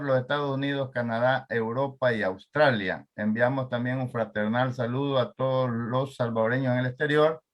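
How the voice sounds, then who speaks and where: A man's voice: mid-range voice, highs cut off. A man hosting an online political talk show, formal in tone, sometimes stumbling over names. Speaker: host.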